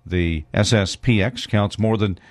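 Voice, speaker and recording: A male radio news anchor reads the bulletin in a measured, steady voice that sits fairly low. The studio sound is dry and close, with no room echo. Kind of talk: scripted news reading.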